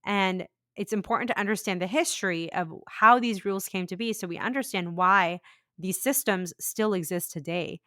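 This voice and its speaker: A woman who grew up in India hosts a podcast conversation, thinking aloud in an animated, reflective way. Her voice is recorded dry and close. Her pitch sits in a middle range. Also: moderate pace, no room sound. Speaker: podcast host.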